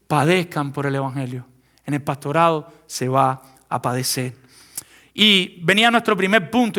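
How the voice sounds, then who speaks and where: A man preaching a sermon as pastor in a church, asking questions that rise and then dropping to a hushed, solemn tone. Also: high-pitched.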